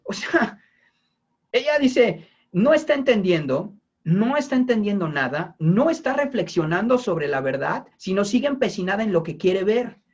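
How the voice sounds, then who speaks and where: Husky preacher, emphatic questions. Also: male voice, high-pitched, very animated, normal speed, a little mellow. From Mexico. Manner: emphatic, repeats phrases and asks the listener questions. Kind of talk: sermon. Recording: dull lo-fi recording.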